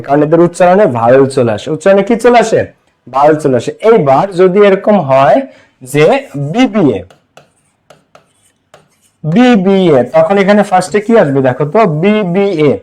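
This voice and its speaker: A man's voice: fairly high pitch, expressive, moderate pace, warm tone, low-quality recording. A young man from Bangladesh teaching English grammar in a live online class, drilling students with repeated questions and answers.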